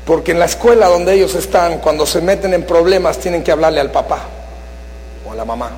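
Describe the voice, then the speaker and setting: A middle-aged man preaching a sermon to a congregation, swinging from shouts to hushed asides. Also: on the high side, fairly quick, low-quality recording. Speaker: pastor. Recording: faint mains hum.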